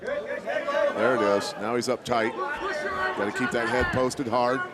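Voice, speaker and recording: A man's voice: medium pitch, wildly swooping pitch, slow. Male fight analyst over a roaring crowd. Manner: coach-like, explains technique. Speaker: color commentator analysing technique. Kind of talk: live MMA commentary. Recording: very loud arena crowd behind.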